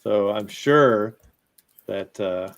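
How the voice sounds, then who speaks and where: Man, host, casual news stream, relaxed and chatty, gravelly voice. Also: lowish voice, very slow. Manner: relaxed, chatty, reads news items aloud.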